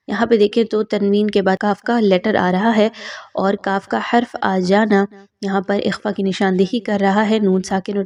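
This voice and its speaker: A woman teaching Quran recitation rules, explaining patiently and then reciting each word slowly. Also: mid-range voice, darkish tone, recorded from a distance.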